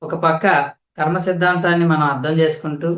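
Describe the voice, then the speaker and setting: Man, spiritual teacher, slightly high voice, repeats himself to drive points home, roomy echo. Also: little pitch movement, a bit bright. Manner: explains slowly with repetition; addresses listeners directly. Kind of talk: spiritual discourse.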